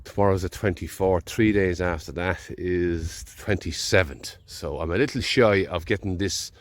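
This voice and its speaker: This Irish farmer has a deep voice and a moderate pace as he narrates a casual vlog from a field. He's nursing a head cold, talking in an easygoing, meandering way while thinking aloud.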